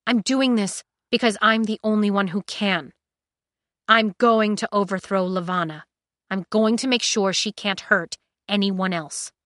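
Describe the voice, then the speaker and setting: A woman's voice: mid-range voice, fairly even intonation, a little slow, a bit bright, no echo, studio quality, natural voice. Woman doing Cinder, fiery young cyborg. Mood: determined. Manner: intense, raised, indignant delivery.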